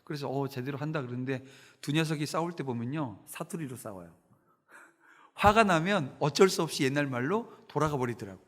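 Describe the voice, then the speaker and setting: A man's voice: on the high side, expressive, moderate pace. A middle-aged man preaching a Sunday sermon as pastor, emphatic, asking the congregation rhetorical questions. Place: church sanctuary. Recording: reverberant church sanctuary.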